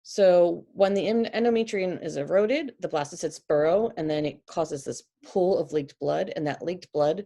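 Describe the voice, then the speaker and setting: A young woman with a New York accent lectures unscripted, stopping often to correct herself. Her voice sits low and has a gravelly, creaky edge. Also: darkish tone. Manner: explanatory, with frequent restarts and fillers. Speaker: teacher.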